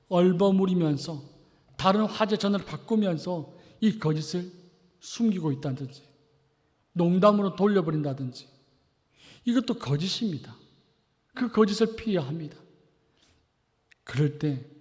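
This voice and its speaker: A man preaching a sermon as pastor, asking the congregation rhetorical questions and swinging between loud and soft. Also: on the high side. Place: church sanctuary. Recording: long reverb of a church hall.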